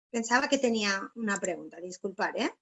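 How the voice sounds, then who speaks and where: A philologist from Barcelona with a peninsular Spanish accent leads an informal online writing workshop, explaining points and often checking for agreement with little tag questions. Her voice is medium-pitched, fairly bright and husky.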